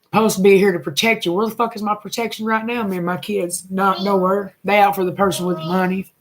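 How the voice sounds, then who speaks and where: A woman's voice: medium pitch, fairly even intonation, fast talker. Angry swearing woman ranting. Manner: blunt, swearing, emotional, with bitter laughs. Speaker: single mother vlogger. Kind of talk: angry personal rant.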